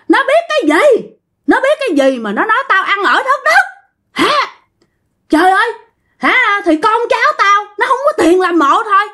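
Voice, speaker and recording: A woman's voice: very high-pitched, bright, forceful tone, pitched above the performer's own voice, exaggerated voice. A woman voicing a vengeful old male ghost who scolds coarsely and repeats himself.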